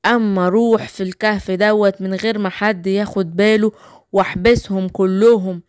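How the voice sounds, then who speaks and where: A woman's voice: mid-range voice, fairly even intonation, moderate pace, darkish tone, smooth, no echo, studio quality, pitched below the performer's own voice, natural voice. A woman with an Egyptian accent voicing a sneaky female gorilla who mutters her scheming plans to herself.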